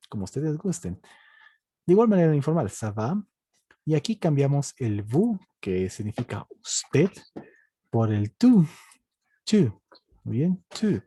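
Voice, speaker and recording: Husky, dark-voiced male language teacher. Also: medium pitch, no echo. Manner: patient, repetitive explaining with tag questions; slow, drawn-out model pronunciations. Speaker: French teacher. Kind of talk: online language lesson.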